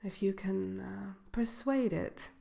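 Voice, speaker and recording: A woman voicing the Wicked Witch as a haughty yet gracious shopkeeper in a soft ASMR role-play, genteel and coy, often slipping into a whisper. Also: mid-range voice. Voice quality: creaky, breaking into whisper. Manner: unhurried, hesitant pauses, genteel, coy.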